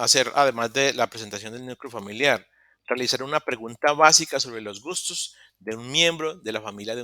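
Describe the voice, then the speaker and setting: A man's voice: mid-range voice, pushed and bright, dry recording, studio quality. Patient man teaching an online class. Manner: patient, explains step by step with pauses and self-corrections. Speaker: English teacher. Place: online meeting room.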